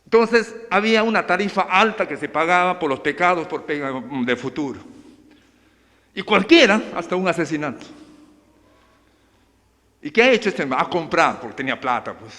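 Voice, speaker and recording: A pastor preaches with energy and keeps addressing the congregation as brothers. His voice sits fairly high for a man. A long reverberant tail follows every phrase in the church hall. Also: lively intonation, normal speed, long pauses, bright, forceful tone. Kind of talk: sermon.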